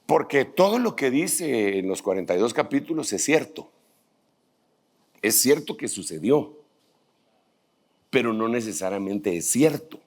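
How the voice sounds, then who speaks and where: Lively man preaching to pastors. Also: medium pitch, slightly rough. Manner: conversational, joking asides, reads scripture aloud. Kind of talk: teaching sermon to pastors.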